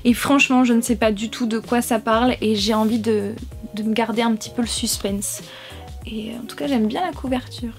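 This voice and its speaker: A woman with a high voice chats casually to her viewers. She talks loosely, often hesitating and restarting. Faint music plays quietly behind her. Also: fairly even intonation, brisk. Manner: chatty, hesitant with many fillers. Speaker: book vlogger. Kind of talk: casual haul chat to camera.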